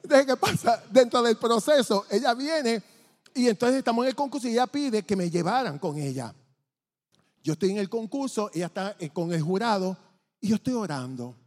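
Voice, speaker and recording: A man giving a testimony from the pulpit, telling his story in an animated way and acting out the dialogue. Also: sits high, normal speed. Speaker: church testimony speaker. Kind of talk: testimony preaching. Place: church sanctuary. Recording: long church reverb.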